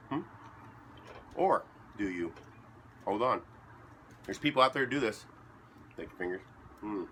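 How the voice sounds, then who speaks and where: Low-voiced rambling man with bright tone. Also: a little hiss or hum. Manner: rambling, deadpan, joking asides; talks while chewing. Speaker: vlogger. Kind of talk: casual rambling monologue to camera. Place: basement.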